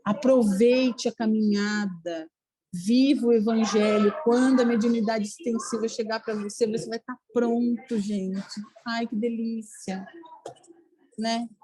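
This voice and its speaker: A woman leading a spiritist study group in a casual, animated talk, acting out little dialogues and often checking in with her listeners. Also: on the high side, unhurried, a little hiss or hum, rough recording. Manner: animated, acts out little dialogues, says "né, gente?" a lot.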